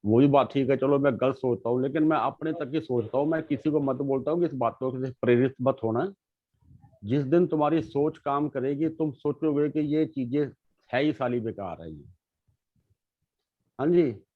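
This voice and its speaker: A middle-aged man, a guest sharing his life story in casual conversation, reflective and earnest, often pausing and restarting. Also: medium pitch, no echo. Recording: dull lo-fi sound.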